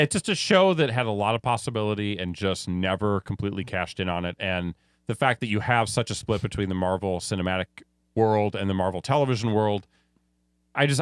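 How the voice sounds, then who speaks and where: A man's voice: fairly low pitch, clean tone, dry recording, studio quality. A man co-hosting a TV podcast, chatting casually and offering opinions with frequent restarts. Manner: conversational, trails off and restarts, opinionated. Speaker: podcast co-host. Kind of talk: casual chat.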